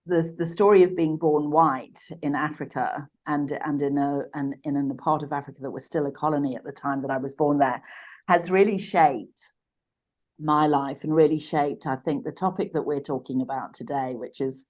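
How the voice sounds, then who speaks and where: A woman in her sixties from Uganda, a podcast guest telling her life story in a reflective, halting way with frequent restarts. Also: low voice, fairly even intonation, darkish tone. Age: 60s. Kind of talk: personal storytelling in a podcast interview.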